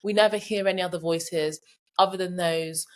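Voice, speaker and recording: Low-pitched woman hosting, hesitant questions. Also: steady tone, moderate pace. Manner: hesitant questioning with many fillers. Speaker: podcast host. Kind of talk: podcast interview.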